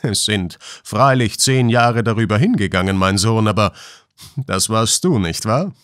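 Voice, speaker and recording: A man voicing a calm, kindly older male mining engineer who speaks in a measured way, in a storybook reading. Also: fairly low pitch, smooth, no room sound, studio quality.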